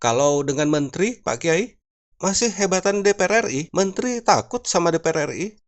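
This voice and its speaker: A man's voice: sits high, expressive, a little fast, pitched above the performer's own voice. A man voicing a wry older village cleric, speaking in a raised, lecturing tone.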